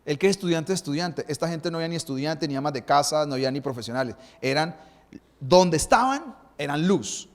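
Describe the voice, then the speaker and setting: A man's voice: a little high, animated, brisk, in a large hall. A male pastor, preaching a sermon and asking the congregation rhetorical questions.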